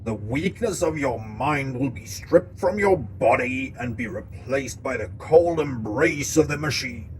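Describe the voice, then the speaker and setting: A man voicing a stern older warrior-priest who makes slow, solemn pronouncements. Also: mid-range voice, expressive, a little hiss or hum, lightly acted, poor audio. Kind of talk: audiobook-style story narration.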